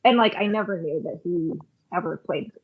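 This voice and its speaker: Over a phone-like line, a woman from Canada who leads worship shares casual stories as a podcast guest. She speaks reflectively at a normal pace, her voice lowish and husky, sprinkling in plenty of "um" and "like."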